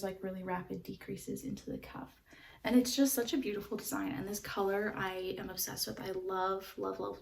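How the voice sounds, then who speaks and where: A woman's voice: medium pitch, creaky, darkish tone, recorded from a distance. A woman vlogging casually about her knitting, rambling with lots of fillers and sounding stuffy from a runny nose. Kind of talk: casual show-and-tell chat.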